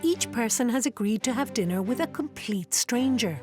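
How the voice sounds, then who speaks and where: Woman, fairly high voice, very lively intonation, scripted documentary narration, music behind. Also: moderate pace.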